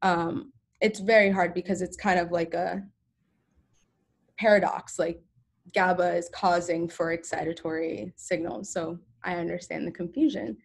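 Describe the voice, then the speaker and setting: A woman's voice: lowish voice, steady tone, normal speed, gravelly, husky. A young woman giving an informal science presentation on a video call, talking casually with many ums and self-corrections. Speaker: student presenter.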